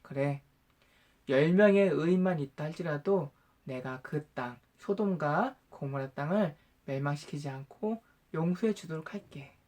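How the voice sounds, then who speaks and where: A gracious male God from a Bible storybook, read by a man. He answers in a calm, patient and measured way, reassuring and never angry. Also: on the high side.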